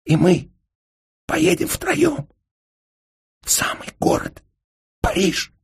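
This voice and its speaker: A man reading an audiobook, voicing an excitable, tearful teenage street boy in a high, breathless, pleading voice. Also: a little fast, slightly rough, exaggerated voice. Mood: disbelieving.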